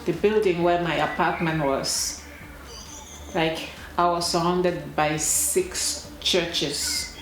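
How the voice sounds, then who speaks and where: A young woman from Cameroon, talking casually to camera as a vlogger, slow and deliberate with pauses and emphatic repetitions. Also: on the low side, steady tone. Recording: echoey room with clear background noise.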